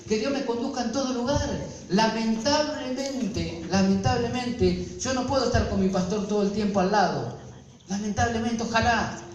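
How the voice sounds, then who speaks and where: An Argentine pastor with a high voice preaching in a church, heard from a distance. He keeps throwing rhetorical questions at the congregation. The room echoes heavily and faint noise sits under him. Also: darkish tone. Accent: Argentine Spanish. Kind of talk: sermon.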